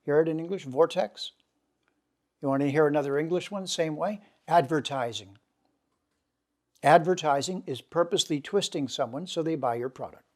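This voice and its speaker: Man lecturing, asking and answering himself. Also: fairly high pitch. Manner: emphatic, asks questions and answers them himself, slows for key words. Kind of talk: lecture to a seminar group.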